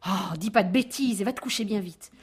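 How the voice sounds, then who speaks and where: Lady doing a brisk mom brushing off her kid, a bit breathy. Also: mid-range voice. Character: busy, brisk mother of a small boy. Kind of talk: storybook reading.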